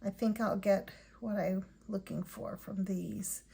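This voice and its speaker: A tired woman hosting an art channel, chatting softly and thinking aloud while she swatches paints at home. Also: medium pitch, steady tone, creaky, slightly rough. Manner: soft-spoken, unhurried, thinking aloud.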